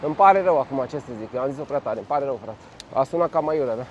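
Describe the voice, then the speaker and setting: A man giving casual running commentary from his bike on city streets, loud and blunt, swearing freely at other road users. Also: mid-range voice, animated, highs cut off, slight background noise. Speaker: cycling vlogger. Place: outdoors on city streets in traffic.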